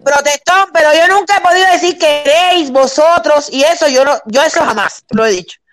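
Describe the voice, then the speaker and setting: A woman's voice: high voice, lively intonation, fast, fairly bright tone, no room sound. A middle-aged woman with a Cuban accent, explaining her points in a casual chat and checking that she is understood. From Cuba.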